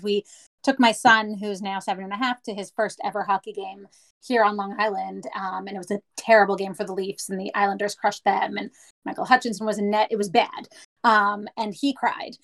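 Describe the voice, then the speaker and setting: A woman's voice: mid-range voice, rough recording. A woman in her thirties from Canada, chatting casually and telling stories with small restarts. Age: 30s. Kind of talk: casual chat.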